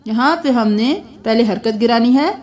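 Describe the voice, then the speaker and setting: A woman teaching Quran recitation word by word, drawing each word out slowly and melodically, then explaining the pronunciation rules. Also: fairly high pitch, a little mellow. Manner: slow drawn-out melodic recitation between brisk spoken explanations. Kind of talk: word-by-word tajweed lesson.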